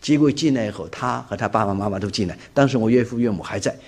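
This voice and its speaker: A husky man, a preacher, giving an animated personal testimony and acting out the dialogue he quotes. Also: on the low side, quick pace. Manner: vivid storyteller who acts out quoted dialogue.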